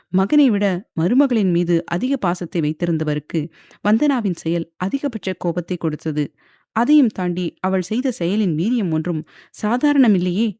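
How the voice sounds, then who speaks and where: A woman reading a romantic thriller novel aloud in a steady, dramatic narration. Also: on the low side, dry recording, clean studio sound. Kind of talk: scripted storybook narration.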